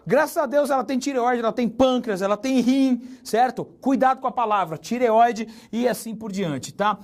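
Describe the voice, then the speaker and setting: Joking teacher. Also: male voice, very high voice. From Brazil. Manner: chatty, joking, spells words out slowly and stresses them. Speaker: Portuguese teacher. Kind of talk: recorded exam-prep lesson.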